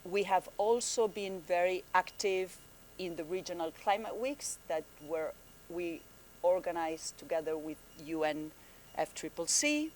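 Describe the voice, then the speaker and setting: A woman program manager giving a friendly conference presentation, halting often with fillers and restarts, speaking in a conference room. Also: on the low side, lively intonation, a little mellow, a little hiss or hum.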